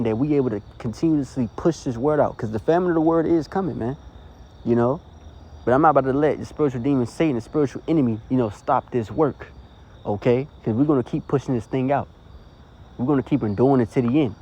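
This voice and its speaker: A man preaches straight into a phone in an informal, earnest style, circling back and checking in with "okay?" as he goes. His voice sits at a middle pitch with a dark, mellow tone. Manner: earnest, rambling, many "you know" and "okay?" tags. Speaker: street preacher. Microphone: phone recording.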